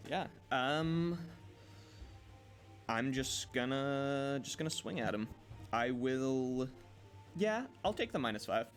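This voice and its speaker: A man's voice: mid-range voice, expressive, takes it slowly, pauses often, soft background music. Hesitant man playing a tabletop game. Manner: hesitant, many fillers and restarts. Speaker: player. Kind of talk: casual tabletop play.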